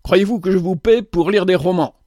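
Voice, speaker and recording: A man voicing a gruff, bad-tempered middle-aged male boss who scolds and shouts at his staff. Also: a little high, normal speed, no room sound, clean studio sound.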